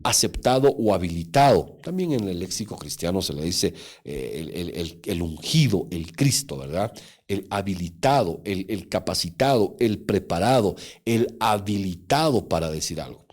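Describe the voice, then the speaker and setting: A man's voice: deep voice, lively intonation, moderate pace, a little mellow. A man, a pastor, preaching a sermon at an online church meeting, with emphatic rises and frequent asides to the congregation.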